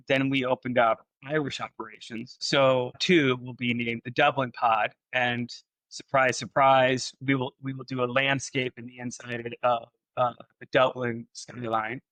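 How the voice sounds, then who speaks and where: A man's voice: mid-range voice, little pitch movement, moderate pace, few pauses, a bit bright, no room sound, rough recording. A man hosting a casual podcast interview, teasing his guest and rambling with restarts. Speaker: podcast host, company CEO.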